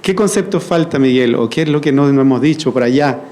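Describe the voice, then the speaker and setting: A man's voice: medium pitch, brisk, a little mellow, poor audio. A man leading an audience through a group verse-writing activity, coaxing answers with frequent check-ins. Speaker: workshop facilitator. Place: event hall at a university launch.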